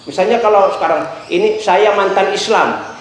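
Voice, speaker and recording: A middle-aged man, teaching preaching in a casual, joking lecture and acting out examples with his voice. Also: normal speed. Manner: chatty, joking, acts out examples with shifting pitch. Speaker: ustadz teaching a class on preaching. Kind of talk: casual lecture with jokes and asides. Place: large echoey hall. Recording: very echoey room recording, faint noise.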